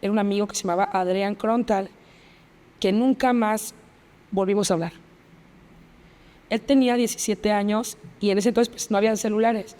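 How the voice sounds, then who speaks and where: A woman's voice: mid-range voice, fairly even intonation, moderate pace, pauses often, dark tone. A woman with a Mexican accent speaks as a podcast guest in a mid-range voice. She retells her story vividly, reenacts old conversations and repeats phrases for weight. Her voice trails off into a long, echoing reverb. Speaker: interview guest. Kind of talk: personal storytelling in a podcast interview.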